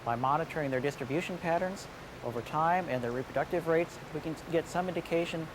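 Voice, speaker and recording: A man's voice: fairly high pitch, fast, background noise. A man speaking as a research scientist in a nature documentary, explaining in formal, technical phrasing.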